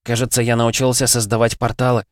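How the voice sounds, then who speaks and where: A man's voice: mid-range voice, flat delivery, quick pace, no echo, studio quality, pitched above the performer's own voice, lightly acted. A man doing an eager, proud young man.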